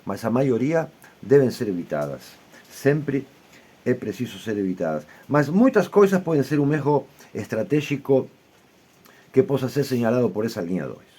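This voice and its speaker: A man lecturing at a steady, measured pace, explaining ideas step by step. He keeps checking in with the listener through short tag questions. His voice sits in an ordinary middle pitch. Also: slightly rough. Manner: measured, often ends points with tag questions. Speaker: I Ching teacher.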